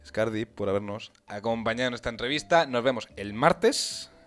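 Relaxed podcast host man. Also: medium pitch, normal speed, soft background music. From Spain, Murcia and La Mancha. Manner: relaxed, wraps up the show. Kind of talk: casual podcast chat.

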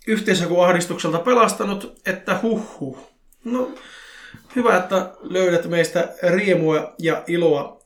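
A man co-hosting a podcast, reading listener emails and chatting with dry, teasing humor. His voice sits somewhat high for a man. The recording carries a noticeable roomy echo. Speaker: podcast co-host.

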